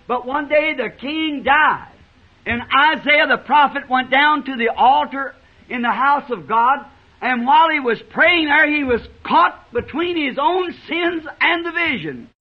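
High-voiced fervent preacher on old tape. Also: male voice. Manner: impassioned, cries out phrases, repeats lines for emphasis. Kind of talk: fervent revival sermon. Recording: dull lo-fi archival sermon recording.

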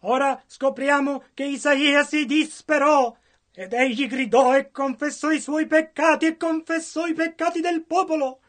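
A man's voice: very high voice, steady tone, measured pace, a bit bright. A man interpreting a sermon line by line, earnest and matching the preacher's fervor.

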